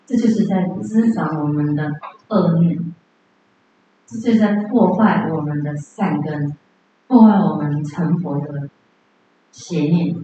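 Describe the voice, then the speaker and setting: A woman teacher lectures on Buddhist scripture in a relaxed, conversational way and keeps checking in with her class. Her mellow voice rings through a very echoey room with dull, lo-fi sound. A faint hiss sits underneath. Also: deep voice, measured pace, long pauses. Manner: conversational, asks the class questions.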